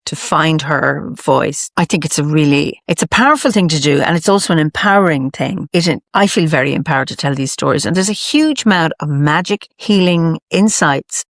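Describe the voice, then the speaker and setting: An Irish woman storyteller talking reflectively in a lilting, emphatic way, with thoughtful, deliberate pauses. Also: low voice, lively intonation, dry recording, studio quality. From Ireland. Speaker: storyteller, interview guest. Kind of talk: reflective conversational storytelling talk.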